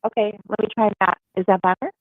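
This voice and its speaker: A woman's voice: medium pitch, steady tone, fast, no echo. Woman caller on a choppy, skipping phone line. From Florida. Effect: choppy phone line that skips like a scratched CD. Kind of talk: casual phone call.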